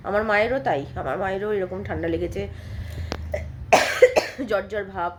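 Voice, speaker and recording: A woman in her thirties vlogs her day at home, chatting in a rambling, homely way while coughing from a cold. Her mid-range voice moves fairly quickly, with slight background noise.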